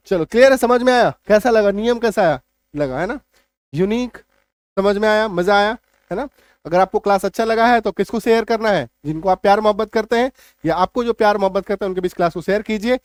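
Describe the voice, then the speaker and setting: A man teaching English spelling rules in a classroom-style lesson, stressing and repeating each rule and often checking that it is clear. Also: sits high, no echo, clean studio sound.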